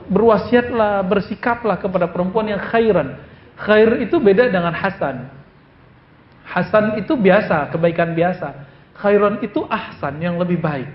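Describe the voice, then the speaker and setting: A man preaching a sermon in a casual storytelling way, acting out the quotes he tells. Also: sits high. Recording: roomy, dull lo-fi recording with faint noise.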